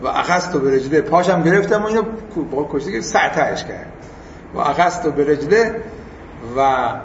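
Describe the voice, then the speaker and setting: A man's voice: on the high side, slight background noise. A man teaching religion in a roomy hall. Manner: reads Arabic text slowly, then explains it in casual speech; acts out the quoted speakers in lively asides. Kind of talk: colloquial religious lesson. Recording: roomy, distant and dull.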